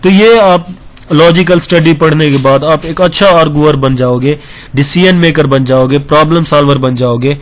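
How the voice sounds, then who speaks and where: Man teaching a reasoning lecture. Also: a little high. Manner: explains step by step, mixes English terms into Urdu; keeps checking understanding with questions. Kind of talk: exam-prep lecture.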